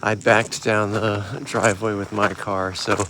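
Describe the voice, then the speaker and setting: Man vlogging a road trip outdoors. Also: fairly low pitch. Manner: relaxed, chatty, with fillers and trailing pauses. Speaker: car club member filming a road trip. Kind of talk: casual travel vlog narration. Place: outdoors at a rental house, rivers and waterfalls. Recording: outdoor camera audio with clear background noise.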